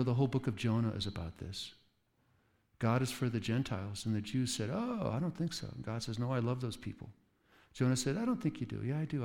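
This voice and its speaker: A man preaching a sermon in an animated way, acting out quoted voices with sudden jumps in pitch. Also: creaky. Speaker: pastor. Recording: long reverb of a large hall.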